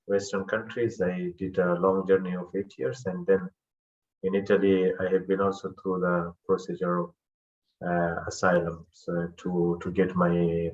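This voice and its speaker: Man from Afghanistan, very low voice, hesitant with fillers, muffled video-call audio. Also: a little mellow. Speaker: panel guest. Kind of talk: online panel talk.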